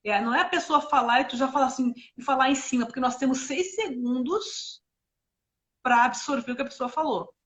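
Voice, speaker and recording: High-voiced woman, animated live chat. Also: brisk. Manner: animated, talks through ideas with examples and asides. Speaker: co-host of a parenting live stream. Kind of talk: casual explanatory live chat.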